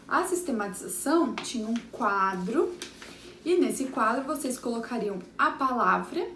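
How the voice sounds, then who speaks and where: A Brazilian woman, a primary school teacher, reviewing a lesson for young children and sounding out words syllable by syllable. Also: fairly high pitch. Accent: Brazilian Portuguese. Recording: echoey room, far from the mic, faint background hum.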